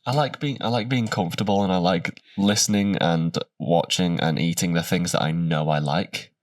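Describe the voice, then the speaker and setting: A man's voice: low voice, normal speed, distant mic. A man with a cold and a blocked, pinched-nose voice, chatting casually as a podcast co-host. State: ill with a cold.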